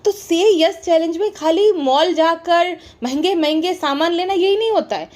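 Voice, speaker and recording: A woman's voice: very high-pitched, normal speed, darkish tone. A woman giving sarcastic, scolding commentary for an online gossip vlog.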